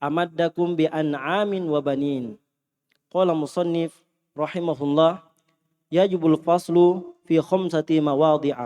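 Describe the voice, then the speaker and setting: Man reciting a text fast and flat. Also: on the high side, clean tone, big-room sound. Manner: flat, quick recitation of a textbook. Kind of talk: reading a text aloud.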